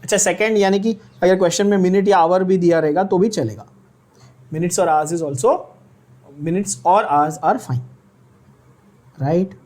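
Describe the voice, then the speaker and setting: A man's voice: high voice, a little mellow. A man with an Indian accent teaching chemistry in a Hindi-English mix, teasing students and checking they follow. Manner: teasing, scolds students playfully; slow, drawn-out explanations with frequent checks.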